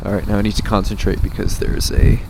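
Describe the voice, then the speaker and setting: A man's voice: lowish voice, completely flat delivery, fast. American man talking inside a helmet, road noise. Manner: sarcastic, casual swearing. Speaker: motorcycle vlogger. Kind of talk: casual rambling commentary while riding. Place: outdoors, riding a motorcycle on a freeway. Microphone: helmet comm system microphone. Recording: helmet comm mic, clear vehicle and road noise. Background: traffic and vehicle noise.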